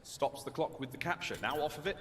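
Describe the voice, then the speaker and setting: A man's voice: a little high, quick pace. Dramatic male esports caster in a big hall. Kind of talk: live esports commentary. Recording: reverberant hall, noisy background.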